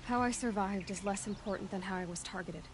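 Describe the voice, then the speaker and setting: An actress playing a determined, earnest young outlander huntress in a video game, speaking directly and seriously. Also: female voice, medium pitch, quick pace, background noise, close to an everyday voice.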